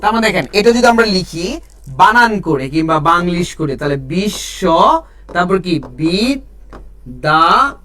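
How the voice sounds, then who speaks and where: A man's voice: high voice, lively intonation, quick pace, bright, forceful tone. A man teaching an online exam-prep class, drilling students with repeated questions and answers and reading out viewers' names. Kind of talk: live-streamed class.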